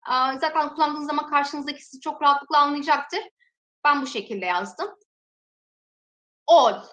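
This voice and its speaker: A woman teaching a language lesson, slowly sounding out each example word twice and then explaining its meaning. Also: high voice, expressive, sharp tone. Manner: slow, drawn-out pronunciation drills. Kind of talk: alphabet lesson with repeated example words. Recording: echoey room.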